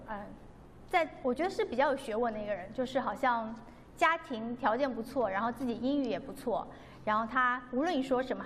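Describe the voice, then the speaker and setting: Woman, fairly high voice, earnest testimony, long reverb with faint background noise. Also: fairly bright tone. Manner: earnest, devout, re-enacts dialogue. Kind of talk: personal testimony storytelling.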